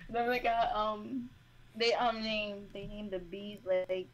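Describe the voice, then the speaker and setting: A young woman chatting casually while drawing, telling stories in an animated, giggly way. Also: medium pitch, slow, lo-fi sound, a little hiss or hum. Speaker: co-host.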